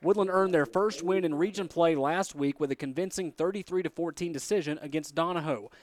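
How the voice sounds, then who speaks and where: Guy hosting a football pregame show, punchy emphatic read, voice a bit high. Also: brisk, dry recording. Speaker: sports broadcast host. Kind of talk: pregame commentary with read headlines.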